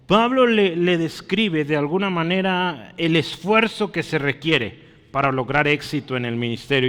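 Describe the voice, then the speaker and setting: A man's voice: on the high side, fairly bright tone, in a large hall. A man preaching a teaching sermon, explaining step by step, often checking that listeners follow and calling them brother. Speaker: preacher teaching a Bible study.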